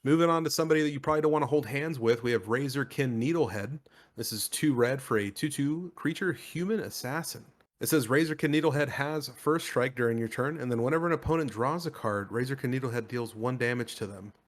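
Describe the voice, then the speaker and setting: A man's voice: medium pitch, quick pace. A man co-hosting a card game stream, chatting casually and reading out cards with enthusiasm and informal slang.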